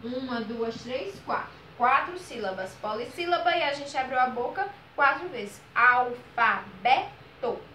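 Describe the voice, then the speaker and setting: A woman teacher explaining a grammar lesson, pronouncing example words slowly and checking in often with "ok?" and "certo?". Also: high voice, lively intonation, fairly bright tone, echoey room, a little hiss or hum, low-quality recording. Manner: patient, drawn-out model words, frequent "ok?" and "certo?" checks.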